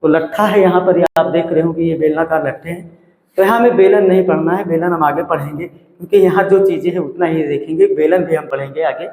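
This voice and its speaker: Echoey maths teacher quizzing himself. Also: male voice, fairly high pitch, a little mellow. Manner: asks and answers his own questions, repeats numbers. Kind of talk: classroom maths lesson. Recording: echoey room with long reverb.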